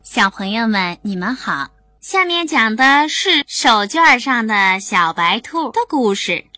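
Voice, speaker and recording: A woman narrating a children's bedtime story in an animated, sing-song, expressive way. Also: fairly high pitch, slow, no echo.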